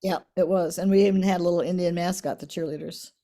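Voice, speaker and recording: A woman in her eighties, reminiscing in a casual family interview, soft-spoken, her voice trailing off quietly at the ends of lines. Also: on the low side, steady tone, fast talker. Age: 80s. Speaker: interviewee, the mother.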